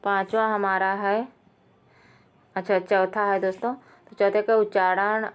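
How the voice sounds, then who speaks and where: A woman teaching Sanskrit exam questions, going through each answer, often calling out to her viewers and correcting herself with a quick apology. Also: medium pitch. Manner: addresses viewers as friends, with fillers and self-corrections. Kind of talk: quiz lesson explaining answers.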